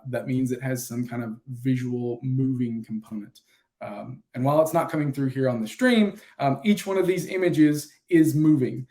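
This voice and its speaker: Relaxed man teaching with lots of fillers. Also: mid-range voice. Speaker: instructor. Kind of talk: casual livestreamed lesson.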